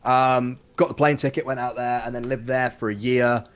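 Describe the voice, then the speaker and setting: Young man, from the UK, guest storyteller, casual chat, relaxed, middle pitch. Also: normal speed. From United Kingdom.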